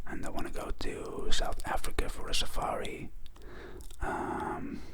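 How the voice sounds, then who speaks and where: A guy who hosts an ASMR channel whispers close to the mic, doing a slow, soft Q&A with lots of ums. His first language is Greek, and his whisper stays gentle and unhurried.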